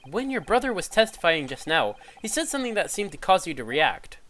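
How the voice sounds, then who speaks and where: A man's voice: high-pitched, big pitch swings, fairly bright tone, a little hiss or hum. Man acting a polite, inquisitive defence lawyer. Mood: probing. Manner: polite, measured, questioning.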